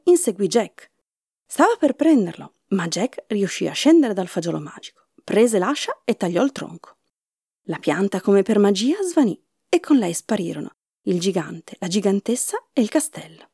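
A woman reading a fairy tale aloud as a storyteller, in expressive storybook narration. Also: mid-range voice, normal speed, husky, no room sound, clean studio sound.

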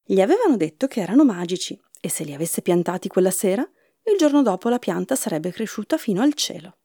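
A woman reads a fairy tale aloud, her pitch rising and falling with the drama of the story. Her voice is mellow and slightly husky, and the recording is dry and close. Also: fairly quick, dry recording. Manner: expressive storybook narration.

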